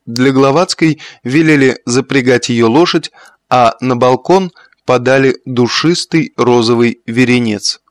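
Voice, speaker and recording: A man narrating a literary audiobook in a measured, even storytelling manner. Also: medium pitch, dry recording, clean studio sound.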